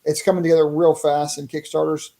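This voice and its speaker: Speaking fast with a flat delivery, a man with a slightly high, gravelly, dark-toned voice appears as a podcast guest. He's an indie comic creator promoting a fighting game, chatting casually, enthusiastically explaining things and often repeating phrases.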